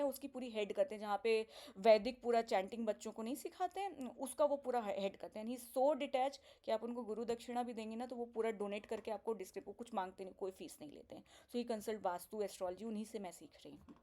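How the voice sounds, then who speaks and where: Middle-aged woman host, mellow and slightly high, chatty storyteller who acts out the dialogue. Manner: mixes Hindi and English, acts out quoted dialogue. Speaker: spiritual teacher and video host. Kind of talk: casual storytelling.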